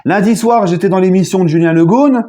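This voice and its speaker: A man chatting casually in a video debrief as a football fan, jokey and animated, with sudden loud outbursts. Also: high-pitched, a little fast.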